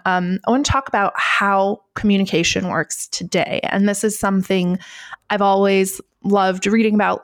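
A woman's voice: mid-range voice, no room sound, clean studio sound. A woman podcast host explaining technology in a conversational, explanatory tech-explainer manner.

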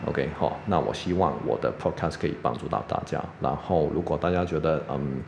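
Deep gravelly man teaching pronunciation. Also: lo-fi sound. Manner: explains step by step, repeats "OK" constantly, demonstrates sounds slowly. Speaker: podcast English pronunciation teacher. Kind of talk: casual spoken lesson. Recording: long reverb, faint background noise.

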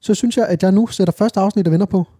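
A man's voice: high-pitched, dark tone, slightly rough, dry recording, clean studio sound. A man hosting a podcast, asking teasing questions and giving mock-serious advice in casual chat. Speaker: podcast host.

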